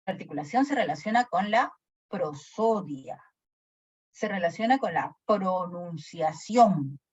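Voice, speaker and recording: A woman's voice: lowish voice, unhurried, breathy edge, dry recording. A woman teacher giving a lecture who keeps asking her class questions. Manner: animated, asks the class questions often. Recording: dry, dull lo-fi sound.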